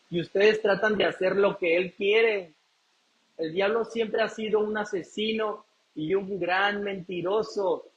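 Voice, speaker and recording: A man with a high voice delivers a sermon from the pulpit. He keeps asking the congregation questions and answering them himself. The recording sounds dull and muffled. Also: slight background noise. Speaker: pastor.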